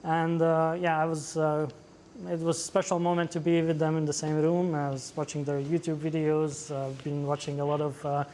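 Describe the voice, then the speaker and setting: A man from Latvia with a Latvian accent, presenting at a tech meetup, pausing often with many "uh"s. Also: on the high side, little pitch movement, darkish tone, slight background noise. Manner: hesitant, many fillers. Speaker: conference speaker. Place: meetup venue.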